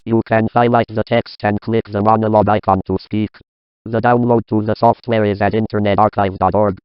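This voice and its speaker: A robotic synthesized male voice with an American accent, reading demo lines in an even, smooth tone. The sound is bone-dry and slightly dull, like old lo-fi computer audio. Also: lowish voice, a little fast, no echo. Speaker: text-to-speech demo voice.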